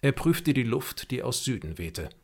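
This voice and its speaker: A man reading an adventure novel aloud as narrator, with measured, expressive storytelling. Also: mid-range voice.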